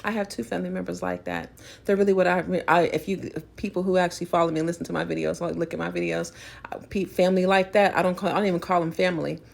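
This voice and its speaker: Creaky-voiced woman ranting preachily. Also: lowish voice, level tone, fast talker. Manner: emphatic, preachy, rambling with restarts. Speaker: vlogger. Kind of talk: spiritual rant vlog.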